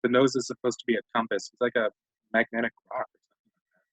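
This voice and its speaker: A man's voice: mid-range voice, level tone, rapid-fire, a bit bright, no echo. Man, casual gameplay commentary, rambling and self-mocking, dry dead sound. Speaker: let's play commentator. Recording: dull lo-fi dry mic.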